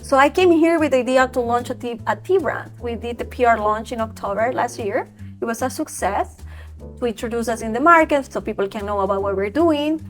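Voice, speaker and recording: A woman from Ecuador, talking as an entrepreneur guest in an enthusiastic, animated way. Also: fairly high pitch, soft background music. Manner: enthusiastic, animated, quick bursts with restarts. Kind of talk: podcast interview.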